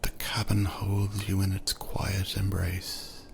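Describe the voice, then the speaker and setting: A man narrating a second-person sleep story in a soft, soothing voice that often drifts into whispers. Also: low voice, monotone, slow, creaky, a little hiss or hum.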